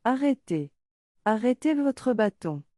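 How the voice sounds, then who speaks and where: A woman's voice: on the high side, very animated, slow, warm tone, no echo, clean studio sound. A woman voicing a cowardly, thieving innkeeper in a storybook tale, protesting and pleading.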